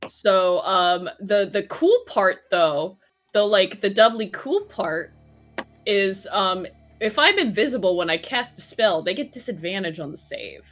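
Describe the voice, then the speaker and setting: A woman's voice: medium pitch, expressive, unhurried, fairly bright tone. Playful woman at a tabletop game, cusses a lot, faint music behind. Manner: playful, swears freely. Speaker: player.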